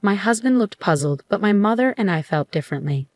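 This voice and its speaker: A woman narrating a scripted first-person story in an even, steady way. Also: medium pitch, fairly quick, no echo, studio quality.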